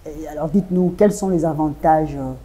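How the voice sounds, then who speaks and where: A woman hosting a business web show, asking formal, measured interview questions. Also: low voice, dark tone.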